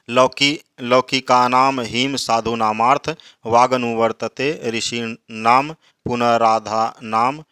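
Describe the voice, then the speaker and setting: A man's voice: mid-range voice, clear, resonant tone, dry recording, studio quality. Man working through exam questions. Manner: explanatory, reads each question louder then answers it more quietly; slow drawn-out recitation of verses. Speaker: teacher. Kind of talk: exam answer walkthrough.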